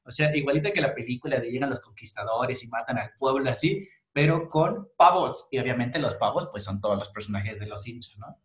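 A man hosting a casual chat, telling stories in an animated, slangy way with many restarts. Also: mid-range voice, a little fast, few pauses. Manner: animated storyteller, slangy, frequent restarts and laughs. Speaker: podcast host. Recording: echoey room.

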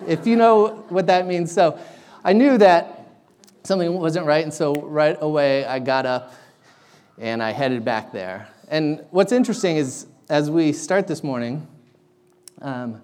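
A young man preaching a sermon in a casual, halting way with lots of ums, his voice carrying an echoey big-room sound. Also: fairly high pitch, a little mellow. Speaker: guest preacher.

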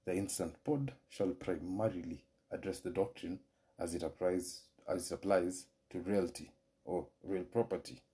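A Kenyan man with a low, mellow voice lectures on law as a podcast host. He speaks formally and carefully, now and then restarting a phrase. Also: normal speed. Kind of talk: solo legal explainer podcast.

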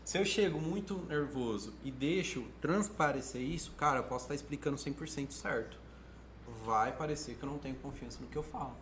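A man with a Brazilian Portuguese accent, an oratory teacher, speaks at medium pitch and a fairly quick pace over slight background noise. His casual coaching talk is animated, and he acts out quoted thoughts while restarting often.

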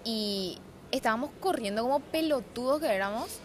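A young woman in her twenties with a Paraguayan Spanish accent, chatting casually on a podcast with quick, joking asides. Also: a little high, lively intonation, a little hiss or hum. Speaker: podcast co-host. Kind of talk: casual chat.

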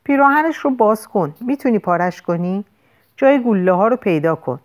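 A woman voicing a firm, steady female paramedic giving urgent orders, in an audiobook. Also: medium pitch, pitched above the performer's own voice, lightly acted.

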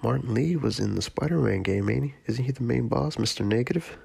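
Laid-back gravelly podcast host, monotone. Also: male voice, mid-range voice, a little fast. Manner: laid-back, profane, rambling. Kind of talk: casual solo podcast talk.

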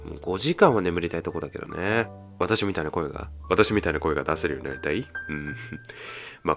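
A man hosting a casual solo radio show, reading listener letters and adding deadpan, mock-boastful asides. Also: sits low. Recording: faint music bed behind.

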